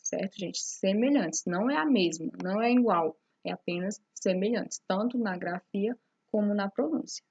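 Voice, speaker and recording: A woman's voice: medium pitch, slightly rough. A woman teacher explaining a lesson step by step, often checking in with her students. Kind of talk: recorded classroom lesson.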